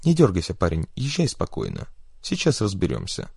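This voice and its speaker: A man voicing an unflappable male gangster who talks in a calm, everyday tone. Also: lowish voice, moderate pace, dry recording, studio quality. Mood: calm cocky.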